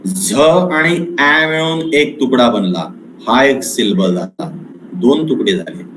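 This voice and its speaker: A man teaching an online English lecture with an Indian English accent, speaking slowly and deliberately and switching between English and Marathi. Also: mid-range voice, expressive, reverberant, background noise.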